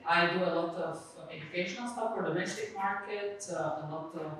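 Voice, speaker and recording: Halting woman on an echoey panel stage. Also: fairly low pitch, a bit bright, slight background noise. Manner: halting, filler-heavy. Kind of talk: self-introduction on a panel. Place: conference stage in a hall. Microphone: handheld mic. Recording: echoey hall, distant.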